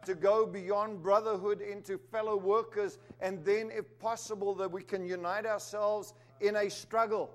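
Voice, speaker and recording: Preaching forcefully with jokes along the way, a Zimbabwean man raised in South Africa pushes up on the words he wants to stress. His voice sits high, and he talks at a moderate pace in a flat manner, barely pausing.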